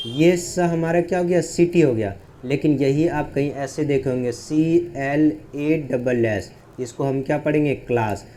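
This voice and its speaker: Male tutor, warm tone, quizzes the class and answers himself, spells words out slowly. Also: fairly high pitch, a little hiss or hum. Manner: asks questions and answers them himself. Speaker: English teacher. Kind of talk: whiteboard phonics lesson.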